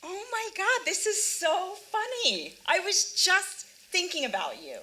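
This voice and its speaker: A woman's voice: mid-range voice, big pitch swings, normal speed, pushed and bright. A woman playing a fond but evasive young woman, in a casual, conversational cold reading of a stage play. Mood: friendly, awkward. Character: Joan, warm but evasive young woman back home.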